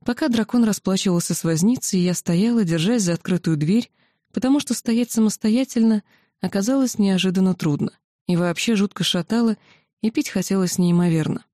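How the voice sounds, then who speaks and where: A woman narrating a fantasy novel in the first person, with a steady, expressive reading. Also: medium pitch, fairly quick, no echo, studio quality. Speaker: audiobook narrator.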